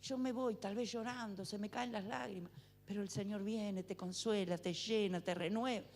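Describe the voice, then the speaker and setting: A woman preaching a fervent sermon in church, building to shouted exhortations. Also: medium pitch, fairly even intonation, normal speed, slight background noise. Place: church sanctuary.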